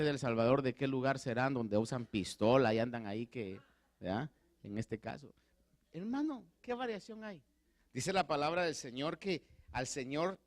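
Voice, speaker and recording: A man, a pastor preaching a sermon in church, rising to loud emphatic peaks. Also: mid-range voice.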